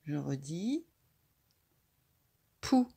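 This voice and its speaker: A woman gives a reading lesson to a small child, breaking each syllable into its sounds and saying it again. Her pace is very slow and deliberate. Her voice sits a little low, with a gravelly, dark edge. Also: big pitch swings. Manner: slow, patient, spells out sounds one by one. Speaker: reading teacher.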